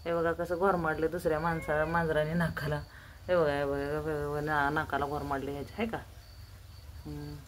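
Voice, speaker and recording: A woman's voice: deep voice, flat delivery, moderate pace, slight background noise. A woman showing her pet cats at home in a casual vlog, cooing and calling to them in a sing-song voice.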